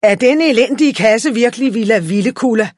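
A reader voicing a pompous, grumpy well-dressed man in a storybook reading, with a haughty, husky voice. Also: medium pitch, no echo, studio quality. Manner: haughty and curt.

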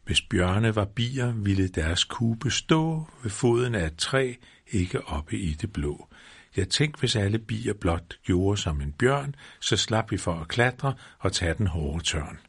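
A man's voice: lowish voice, lively intonation, gravelly, husky, full character voice. A man voicing a simple, honey-loving male teddy bear who muses aloud and hums little rhymes in a storybook reading. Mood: sing-song. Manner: musing aloud, sing-song rhymes.

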